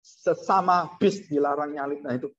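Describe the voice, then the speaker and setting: Speaking at normal speed, a man gives a lively sermon as a pastor. His voice goes high when portraying frightened people and drops low when the message turns solemn, all captured with dull lo-fi sound.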